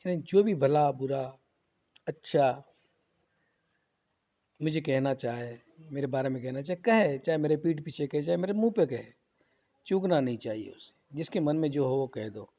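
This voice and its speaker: Male professor, slightly high, gravelly voice with a mellow tone; recites verse and then paraphrases it for students. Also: animated, normal speed, pauses often. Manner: repetitive, explanatory, asks rhetorical questions. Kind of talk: lecture explaining a poem.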